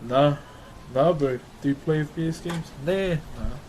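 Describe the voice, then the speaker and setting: A man's voice: fairly high pitch, unhurried, darkish tone. A man with a New Zealand accent chatting casually on a livestream in a laid-back, slangy way as he answers viewers. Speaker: live streamer. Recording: clearly noisy background ambience.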